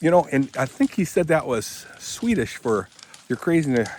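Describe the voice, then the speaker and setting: Very animated and fairly high-pitched, this Michigan vlogger in his seventies talks at a moderate pace with a slightly mellow tone, and a little hiss or hum is audible. Handheld phone footage catches him rambling casually as he works outdoors on rural land, correcting himself often.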